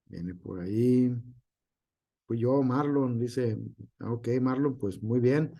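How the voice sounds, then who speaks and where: A man's voice: medium pitch, takes it slowly, mellow, dull audio. A male teacher gives an online class, with frequent hesitations and filler words.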